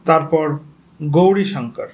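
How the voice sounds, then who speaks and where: A man's voice: a little high, animated, a little slow. A man with a Bengali accent giving a geography lecture for exam students, explaining step by step, spelling names out and checking in with the class. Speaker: teacher.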